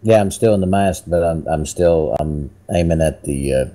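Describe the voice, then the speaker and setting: A man with a very deep, dark and mellow voice playing a tabletop game. He talks in a hesitant way, stopping to think aloud about his moves. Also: moderate pace. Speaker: player. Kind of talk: casual tabletop game chat.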